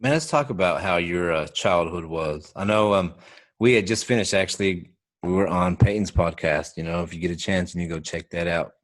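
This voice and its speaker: A man with a very deep voice hosts a podcast. He keeps things laid-back and casual, dropping slang as he asks his questions. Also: fairly quick. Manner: laid-back, with slang like "bro" and "heck yeah". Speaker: podcast host. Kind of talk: casual interview.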